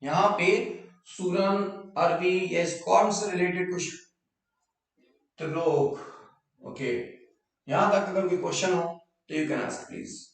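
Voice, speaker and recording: बहुत गूंजते कमरे में ऊँची आवाज़ वाला शिक्षक. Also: male voice, sits high, fairly even intonation, slow, vocal fry, pauses often, distant mic. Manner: explains in mixed Hindi and English, repeats key terms, invites student questions. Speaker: biology teacher. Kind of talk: online live class lecture. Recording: very echoey room, voice off-mic.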